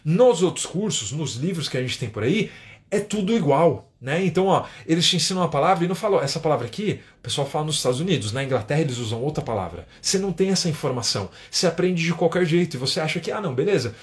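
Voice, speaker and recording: A man's voice: fairly high pitch, lively intonation, fast. Chatty Brazilian man teaching English. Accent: São Paulo Portuguese. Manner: chatty, keeps adding tag questions. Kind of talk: live-stream English lesson.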